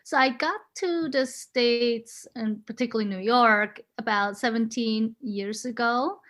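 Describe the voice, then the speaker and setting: Appearing as a guest in a relaxed interview, a woman in her forties from Switzerland speaks with a fairly high, fairly bright voice, a little slowly. Native in Swiss German and German, she is friendly, often laughing and sometimes hunting for words.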